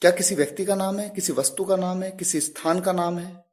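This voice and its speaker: A man teaching English grammar. He explains slowly and deliberately, stops on each example word and keeps asking the listener questions. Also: high-pitched, fairly even intonation, a little mellow. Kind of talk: classroom explanation.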